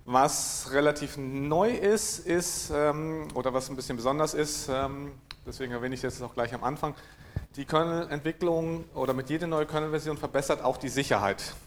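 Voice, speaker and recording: A man from giving a technical conference talk, dry in manner, hesitant with many fillers and frequent throat clearing. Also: fairly high pitch, moderate pace, slight background noise. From East Frisia, northern Germany. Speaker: conference speaker. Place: lecture room at a conference.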